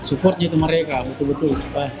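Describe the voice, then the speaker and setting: A man with a Makassar accent, the owner of a coffee shop, chatting in an interview and telling stories in a lively way with local fillers. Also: fairly high pitch, quick pace. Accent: Makassar Indonesian. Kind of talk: casual interview. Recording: music playing in the background.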